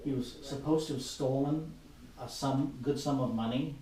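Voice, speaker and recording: A man's voice: medium pitch, moderate pace, warm tone. A man in a casual group discussion as a paranormal investigator, explaining his thinking point by point. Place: reverberant room indoors. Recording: echoey room, distant mic, faint hiss.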